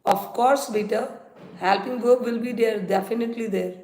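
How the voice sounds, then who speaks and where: A woman's voice: fairly high pitch, normal speed, warm tone. A woman with an Indian accent teaching English grammar on a live stream, instructive and repeating examples and rules for her students. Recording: roomy echo, faint noise and clicks.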